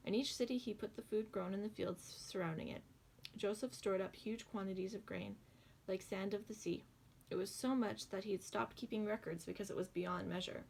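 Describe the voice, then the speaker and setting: A woman's voice: mid-range voice, gravelly, darkish tone, a little hiss or hum. A young woman reading the Bible aloud with rambling, giggly asides and stumbles on hard names. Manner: rambling, giggly asides full of likes and ums.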